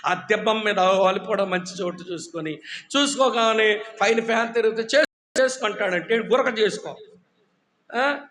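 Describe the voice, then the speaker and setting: A man preaching a sermon, firing questions at the congregation for call-and-response and teasing listeners who doze off. He says he preaches loudly. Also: sits high, moderate pace, a little hiss or hum. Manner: teasing, humorous about dozing listeners. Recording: echoey hall.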